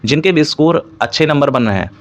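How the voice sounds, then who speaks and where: A man's voice, on the high side with lively intonation, moves briskly through an informal analytical lecture as a coaching instructor. He speaks Hindi laced with frequent English terms and goes back over his points as he explains.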